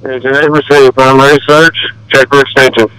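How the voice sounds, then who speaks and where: A man's voice: medium pitch, little pitch movement, a little fast, pushed and bright. A male firefighter giving urgent, clipped reports over a two-way radio. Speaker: firefighter company officer. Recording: noisy vehicle radio transmission.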